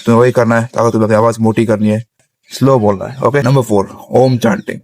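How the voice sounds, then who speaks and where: A man's voice: medium pitch, little pitch movement, quick pace, a little mellow, dry recording. A young man giving a casual spoken tutorial on vocal tips, outdoors on a rooftop. He explains step by step and keeps checking in with his listeners. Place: outdoors on a rooftop, sitting on the ground.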